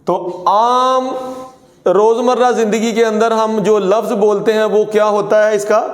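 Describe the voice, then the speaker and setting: A man teaching a pronunciation lesson, saying words slowly and contrasting wrong and right forms. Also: high-pitched, little pitch movement. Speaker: Urdu teacher. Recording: echoey room with long reverb.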